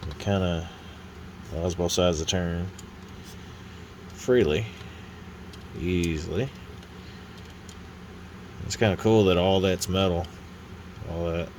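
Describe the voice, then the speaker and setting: This low-voiced man makes casual hobby videos about building models, sounding congested and slightly nasal because of a sinus infection. His delivery meanders at a slow, easy pace, full of long pauses, "uh"s and false starts. The audio comes from a phone mounted on a holder arm and carries a little hiss or hum.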